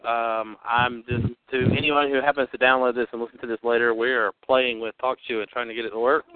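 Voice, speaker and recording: A man's voice: mid-range voice, flat delivery, fairly quick, clear, resonant tone, no echo. A man hosting a podcast, talking casually over a phone line with chatty, rambling energy. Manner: chatty, upbeat, rambling with fillers. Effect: heard over a phone line. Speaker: podcast host. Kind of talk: casual chat. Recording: narrow phone-line sound, dry.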